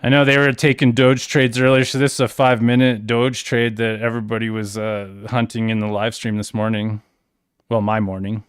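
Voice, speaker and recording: A man's voice: lowish voice, flat delivery, normal speed, clean tone, no echo, studio quality. Laid-back rambling male trading streamer. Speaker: crypto trading livestream host. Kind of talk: casual screen-share walkthrough.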